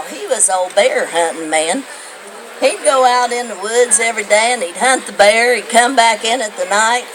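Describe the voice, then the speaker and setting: A woman's voice: fairly high pitch, noisy background. An older woman telling homespun stories to a young audience, rambling and asking her listeners questions. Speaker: storyteller. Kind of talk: folksy storytelling to a young audience.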